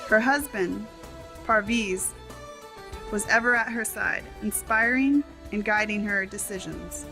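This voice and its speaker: Over music, a woman with a medium-pitched voice reads a translated tribute and speech as a voice-over. Her phrasing is measured and formal, built from short clauses.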